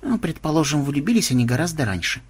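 A man's voice: fairly high pitch, big pitch swings, normal speed, fairly bright tone, slightly rough, dry recording, voice pushed up, heavily acted. A man voicing a cunning, bossy young woman rogue in a storybook, speaking curtly and wryly. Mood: sour, preachy. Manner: curt, commanding, wry.

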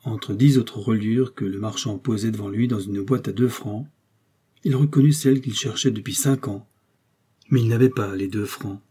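A man reading a classic short story aloud in a measured, expressive way. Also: on the low side, slightly rough. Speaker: audiobook reader.

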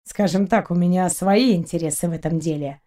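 A cool, teasing alien man, played by a woman reader, his voice low and warm. He speaks calmly and needles the listener with an easy confidence. It is a storybook reading. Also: fairly quick, lightly acted. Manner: calm, teasing.

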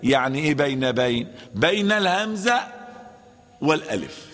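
A man with an Egyptian Arabic accent teaches Quran recitation as a sheikh. He quizzes his listeners, answers himself and repeats the terms in a slightly high voice. The recording carries a long, hall-like reverb. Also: very animated, normal speed, fairly bright tone. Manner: asks and answers his own questions, repeats key terms. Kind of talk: classroom lesson with chanted recitation examples.

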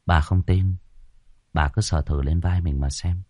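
A man voicing a cold, calm young man who sees ghosts and speaks quietly, in a horror audiobook. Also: deep voice, unhurried, dry recording, studio quality, voice pushed down.

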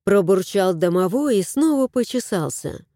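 A woman narrating a storybook in an expressive, lilting reading voice. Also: mid-range voice, normal speed, dry recording, clean studio sound.

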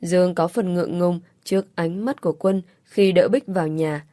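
A woman narrating an audiobook story in an even, measured way. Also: lowish voice, no echo, clean studio sound. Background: faint music.

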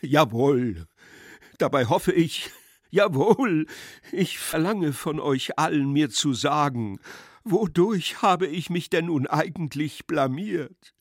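A man voicing a drunken, pompous elderly general who talks loudly and stammers. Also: medium pitch, expressive, slow, dry recording, clean studio sound. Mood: desperate. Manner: loud, faltering, repeats himself.

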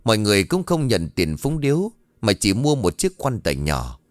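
A man doing scripted narration of a ghost story in an expressive storytelling manner. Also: fairly low pitch, normal speed, no room sound, studio quality.

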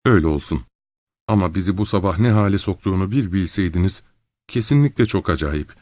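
A man voicing a young hospital nurse who turns from shrill alarm to curt, cool firmness. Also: fairly quick, no echo. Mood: cold. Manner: shrill when scared, curt when calm. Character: young woman nurse, flustered then cold.

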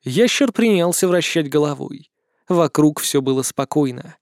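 A man narrating a fantasy audiobook in a steady, expressive reading. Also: on the high side, normal speed, dry recording, clean studio sound.

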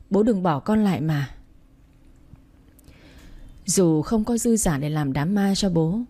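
A woman narrating a sad story as an audiobook reader, reading slowly and sorrowfully with emotion. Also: medium pitch, warm tone.

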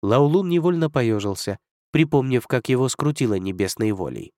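A man narrates an audiobook in a steady, even storytelling manner, with a medium-pitched voice at a moderate pace. The sound is clean studio audio with no echo.

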